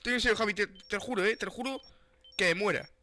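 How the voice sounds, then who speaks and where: A man with a Spain Spanish accent chats during a live game stream, excitable and pleading one moment, joking the next. His voice sits high and comes across very bright and forceful. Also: very fast, a little hiss or hum. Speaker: gaming streamer. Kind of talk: live gameplay chat.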